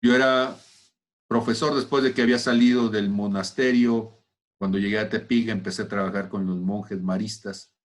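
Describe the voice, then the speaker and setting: A man preaching a personal testimony, swinging between loud exclamations and hushed, almost whispered lines. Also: lowish voice, steady tone, moderate pace. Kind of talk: testimony sermon.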